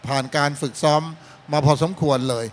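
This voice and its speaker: A man's voice: on the high side, fairly even intonation, normal speed, a little hiss or hum. A man judging a student band contest, giving fatherly critique and calling the students his kids. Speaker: contest judge.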